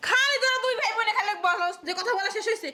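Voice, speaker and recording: A woman's voice: very high voice, fast talker, very noisy. A woman playing a nagging older mother-in-law in a comedy skit, firing off scolding rhetorical questions and tagging each with "haan?".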